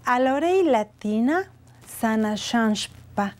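Speaking French with a Mexican accent, this Spanish-native woman in her forties leads a beginners' lesson, pronouncing each word slowly and precisely. Her pitch is fairly high and her manner animated. The setting is an indoor studio with a chalkboard, recorded on a lapel microphone.

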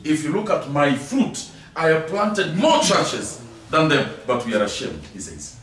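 A man's voice: fairly high pitch, very animated, a little slow, fairly bright tone. A man giving a Bible lesson, emphatic, repeating key words and asking rhetorical questions. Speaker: Bible teacher. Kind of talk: classroom Bible teaching. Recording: very echoey hall, distant mic, faint noise.

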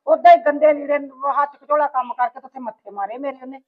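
A woman acts the part of a complaining mother-in-law in an amateur family drama, scolding in a high voice and talking fast. The recording sounds dull and lo-fi.

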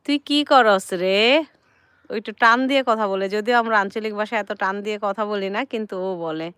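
A woman's voice: medium pitch, steady tone, fast talker, fairly bright tone, clean tone, dry recording. A woman in her thirties chatting casually in her garden for a vlog, coaxing her children along and talking to her viewers. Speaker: vlogger and mother. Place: home garden outdoors, sitting with tea.

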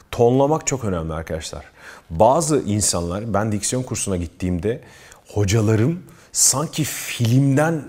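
Low-voiced earnest male advice vlogger. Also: a little mellow. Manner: earnest, emphatic, keeps addressing viewers as friends. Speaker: self-improvement vlogger. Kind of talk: advice talk to camera.

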